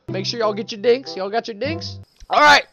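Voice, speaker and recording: Creaky, hyped-up frat-bro gamer guy. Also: extremely high pitch, normal speed, lo-fi sound. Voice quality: voice strained from yelling. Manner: loud excitable frat-bro talk, frequent whoops and exclamations. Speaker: let's play streamer. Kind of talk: gaming commentary, casual and slangy. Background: game music and sound.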